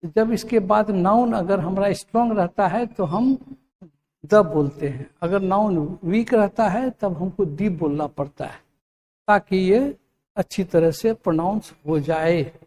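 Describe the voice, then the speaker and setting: A grammar teacher explaining a lesson who asks and answers their own questions, checks whether the class has understood, and says English examples slowly. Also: medium pitch, darkish tone.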